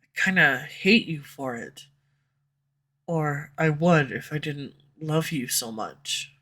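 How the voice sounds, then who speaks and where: A woman plays a tsundere female villain torn between pride and love in an audio roleplay recorded close on a USB condenser mic at home. Her words come out flustered and defensive, then soften into tenderness. Her voice is low-pitched, slow, exaggerated, bright, and forceful.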